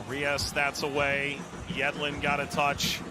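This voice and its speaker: A play-by-play commentator calls a live soccer match in clipped phrases, naming players in a fairly high, completely flat, unhurried voice. Loud stadium noise fills the background.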